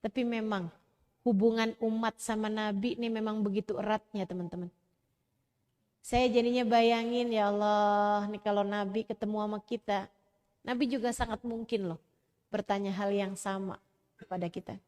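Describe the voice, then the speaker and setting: A woman preacher giving a sermon, talking to her audience in a lively, conversational way. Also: mid-range voice, normal speed, big-room sound. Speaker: Islamic preacher.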